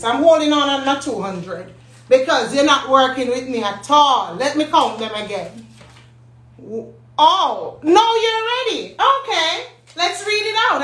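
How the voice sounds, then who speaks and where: A woman's voice: sits high, fairly bright tone. A woman hosting a live stream and giving away a prize, teasing her viewers and laughing often. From Jamaica. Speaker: host and company CEO. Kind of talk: casual live-stream giveaway. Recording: echoey room, mic at a distance.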